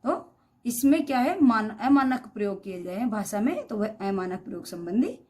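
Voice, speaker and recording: A woman's voice: a little high, very animated, normal speed, a little mellow. A woman teaching Hindi spelling, saying each word twice and asking the class questions. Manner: reads each word twice, wrong then correct, with quizzing questions; addresses students as beta. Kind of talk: classroom lesson on spelling errors.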